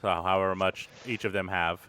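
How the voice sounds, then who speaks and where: A man's voice: sits low, steady tone, fairly quick, pushed and bright, clear, resonant tone. A man playing a tabletop game, chatting in an easygoing way and hesitating with fillers. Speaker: player. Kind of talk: casual tabletop game chat. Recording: clean, dry close mic.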